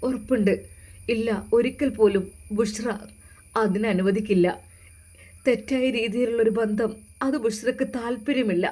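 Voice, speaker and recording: A woman's voice: a little high, darkish tone, close to an everyday voice. A woman voicing a young wife, tearful and defiant, refusing in raised, emphatic lines.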